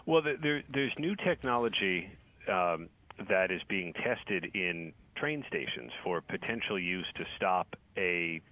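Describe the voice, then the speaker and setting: A man with a very deep voice comes through a thin, phone-like line. He is a news correspondent answering questions on the radio. He often stops and restarts his sentences. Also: animated, no echo. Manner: halting, many restarts. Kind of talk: radio interview.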